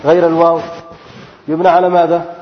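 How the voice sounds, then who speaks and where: A man teaching Arabic grammar to a class, asking questions and repeating the key answers, and drawing out example words slowly. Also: a little high, completely flat delivery. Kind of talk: classroom grammar lesson with call-and-response questions. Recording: dull lo-fi recording with long reverb.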